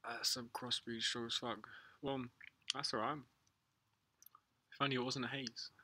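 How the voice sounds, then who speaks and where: A man's voice: medium pitch, little pitch movement, measured pace, noisy background. A British man chatting casually as a livestream host, with a laid-back, slangy, sweary stoner way of talking. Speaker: livestream host answering viewers. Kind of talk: casual rambling chat.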